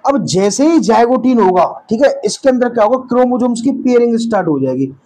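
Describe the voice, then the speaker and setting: A man's voice: extremely high pitch, animated, dark tone, rough recording. A man teaching a lesson in casual lecture style, repeating key terms back as quiz questions and correcting his own slips along the way. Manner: slow drawn-out terms, sudden speedups.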